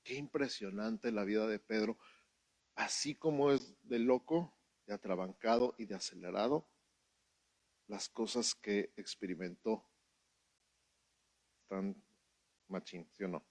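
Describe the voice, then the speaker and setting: A man's voice: lowish voice, unhurried, pauses often, dry recording. A man with a Mexican accent preaching a sermon at a church service, telling stories and acting out what people said. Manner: animated storytelling with acted-out quotes. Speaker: pastor.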